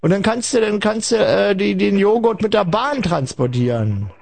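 A man's voice: high voice, expressive, moderate pace, gravelly, a little mellow, slight background noise. A man hosting a late-night call-in radio show, rambling ironically and chatting with callers. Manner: rambling, ironic, addresses listeners as kids. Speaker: radio host.

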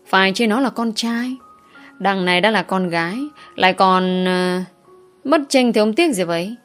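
A woman's voice: medium pitch, normal speed, faint music behind, natural voice. A woman voicing a lecherous old male landlord who talks bluntly and mockingly. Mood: scornful.

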